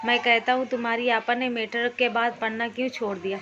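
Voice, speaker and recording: A woman's voice: on the high side, fairly even intonation, fairly quick, close to an everyday voice. A woman reading the lines of a playful, teasing young man who jokes and banters. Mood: enthusiastic. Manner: jokey and bantering, drumming out sounds. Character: teasing, playful young man, an educated older brother figure. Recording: muffled lo-fi recording with faint hiss.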